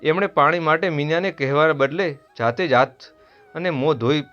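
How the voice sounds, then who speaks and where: A man with a Gujarati accent narrating a family story in a steady, earnest scripted read. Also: fairly high pitch, moderate pace. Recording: dull lo-fi voice over soft music.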